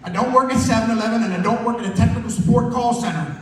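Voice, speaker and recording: A man's voice: very high-pitched, fast. A man telling profane stories at an open mic, acting out the dialogue. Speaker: stand-up comedian. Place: comedy club stage. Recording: echoey hall, distant mic, crowd.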